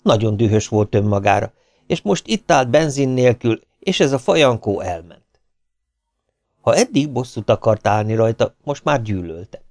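A man reading a novel aloud as an audiobook narrator, with an expressive delivery. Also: mid-range voice, dry recording. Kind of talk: scripted narration.

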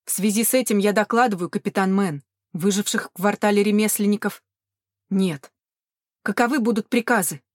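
A woman's voice: medium pitch, fairly even intonation, moderate pace, dry recording, natural voice. Stiff dutiful sergeant reporting to the captain, formal military talk, woman reading, dry sound.

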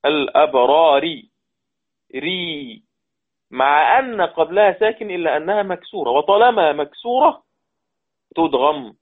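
A male teacher leads a Quran recitation lesson, his voice sitting a little high. He rattles through the rules, then slows down to recite each example and says it again. The sound is narrow and tinny, like a phone line. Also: lively intonation. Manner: explains rules quickly, then recites verses slowly and repeats them.

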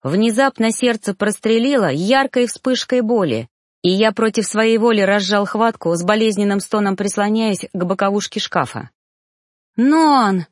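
A woman reading a fantasy novel aloud in a steady, expressive first-person narration. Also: mid-range voice, moderate pace, dry recording, studio quality. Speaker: audiobook reader.

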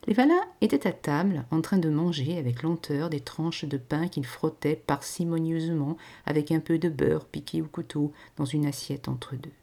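A woman reading a classic short story aloud in an expressive, varied storytelling manner. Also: low voice, normal speed, creaky, few pauses. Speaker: narrator. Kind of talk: literary reading.

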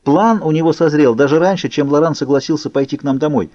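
A man voicing a cold, angry young male vampire in an audiobook, talking low and clipped. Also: quick pace, mellow, dry recording, natural voice. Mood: urgent. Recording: muffled lo-fi recording.

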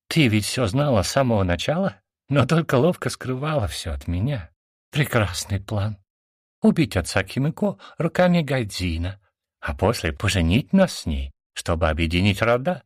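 A man's voice: on the low side, no echo, clean studio sound. A man voicing a drunk, furious young man who hurls bitter, sneering accusations at his sister in a storybook reading.

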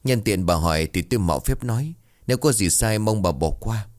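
A man's voice: on the low side, animated, a little fast, lightly acted. A man voicing an old male household servant who speaks deferentially and hesitantly. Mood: worried.

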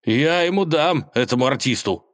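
A man voicing a brash, quick-tempered young hero, talking loudly and excitedly. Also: mid-range voice, dry recording, studio quality, pitched above the performer's own voice, close to an everyday voice. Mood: indignant. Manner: loud, excited, shouting.

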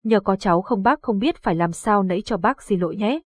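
A woman's voice: mid-range voice, brisk, husky, no echo, natural voice. A frightened middle-aged village mother from a ghost story, fretful and prone to wailing, as a woman narrator puts her on. The voice is dry and close. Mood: anxious.

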